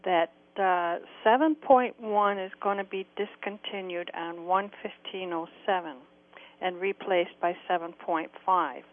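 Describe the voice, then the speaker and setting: A woman's voice: fairly low pitch, steady tone, measured pace. A woman from upstate New York, calling into a radio show over the phone, asking her question politely with some hesitant fillers. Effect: call-in phone line on a radio show. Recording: tinny, dry phone line.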